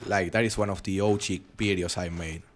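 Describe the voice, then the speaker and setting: His voice sits low and runs fairly quick, with a little hiss or hum on the recording. The young, foreign-accented streamer plays a hunting game live, reading chat and rambling casually with his audience, relaxed and prone to frequent restarts.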